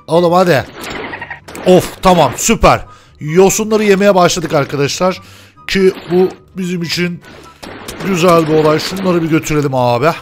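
A young man giving loud, playful let's-play commentary, shouting slangy taunts at the game. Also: a little high. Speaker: gaming YouTuber.

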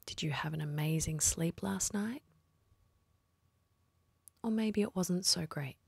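Leading a guided meditation, a woman uses a lowish, soft, husky and breathy voice. Her pace is slow and soothing with long pauses, and the recording has no room sound.

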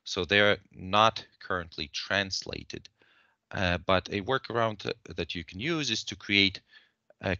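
A man walking through a software demo on a screen share, explaining steps in a measured way with frequent fillers. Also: sits low, no echo, muffled recording.

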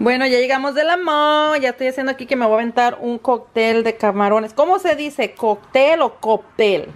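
A woman's voice: high voice, a little fast, soft background music. Chatty woman vlogging. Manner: chatty, switching between Spanish and English. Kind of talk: casual family vlog. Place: home kitchen and restaurants.

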